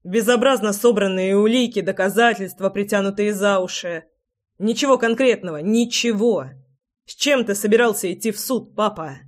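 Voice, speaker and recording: A reader voicing Raylikh, an angry young man who is a detective and a prince. He is blunt, shouts and swears. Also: sits high, normal speed, close to an everyday voice. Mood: heated.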